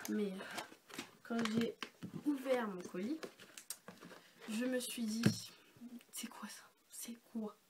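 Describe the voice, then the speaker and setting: A young woman vlogger with a congested, sick-sounding voice, explaining things in a casual, chatty, rambling way. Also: mid-range voice. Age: young adult. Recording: noisy amateur home-video sound.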